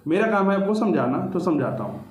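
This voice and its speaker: A man's voice: high-pitched, sing-song, fairly quick, echoey room. A man teaching a grammar lecture to exam students, explaining step by step and repeating key points.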